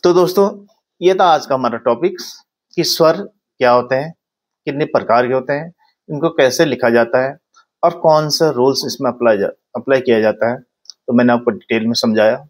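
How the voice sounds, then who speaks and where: A man teaching a shorthand lesson in speech, explaining step by step and often pausing to check understanding. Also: medium pitch, roomy sound. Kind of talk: classroom lesson.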